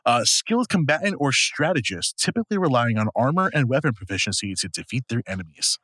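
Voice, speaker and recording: A man's voice: mid-range voice, animated, fast, a bit bright, no room sound. A man co-hosting a casual podcast chat, a bit tipsy and slurring slightly, rambling with many restarts and fillers. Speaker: podcast co-host.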